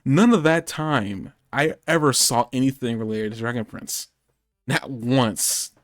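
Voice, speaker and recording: A man's voice: medium pitch, unhurried, no echo, clean studio sound. Rambling male podcast host. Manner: rambling, meandering, self-correcting. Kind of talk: casual chat. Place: home streaming setup.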